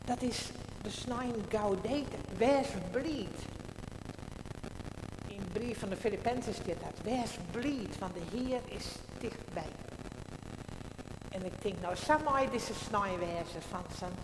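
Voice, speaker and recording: A woman's voice: medium pitch, slow. A woman with a Frisian accent speaking as a pastor, addressing and praying with a congregation in a church service. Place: large indoor church. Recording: echoey church hall, long reverb, background noise.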